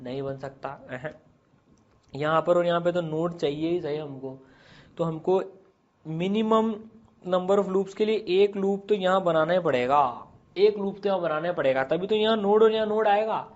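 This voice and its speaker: A man's voice: sits high, normal speed. A male physics teacher, explaining step by step and asking and answering his own questions. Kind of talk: classroom physics lesson. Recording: slightly dull lo-fi sound.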